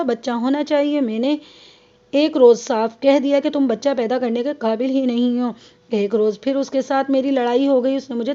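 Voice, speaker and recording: A woman's voice: sits high, dark tone, muffled recording, lightly acted. A woman voicing a defiant young wife who bluntly tells her story in a police statement, read as an audiobook. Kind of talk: audiobook reading.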